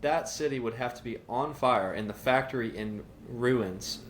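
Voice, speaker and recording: A man's voice: medium pitch, normal speed, slight background noise. A man with a Southern US accent, a podcast co-host who argues his points firmly and at length in a casual debate.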